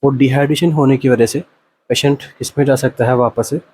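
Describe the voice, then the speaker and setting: A male nursing exam coach explaining multiple-choice answers, asking rhetorical questions, answering them himself, and reading the English options out slowly. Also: mid-range voice, steady tone, a little mellow, slightly rough.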